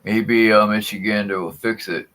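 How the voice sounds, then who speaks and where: A man's voice: on the low side, steady tone, normal speed, a bit bright. A man hosting a casual livestream chat, rambling and swearing offhandedly as he talks through what is on screen. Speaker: livestream host.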